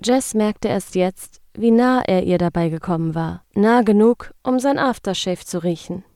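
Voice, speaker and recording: Woman reading a romance story, hushed. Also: medium pitch, measured pace, dry recording, clean studio sound. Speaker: narrator. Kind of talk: scripted narration of a romance story.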